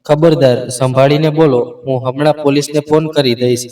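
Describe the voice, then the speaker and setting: A man's voice: on the high side, fairly even intonation, moderate pace, dark tone, lightly acted. A man voicing a commanding young male rescuer, speaking firmly and with authority. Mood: stern. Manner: firm, authoritative. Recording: roomy echo, distant mic.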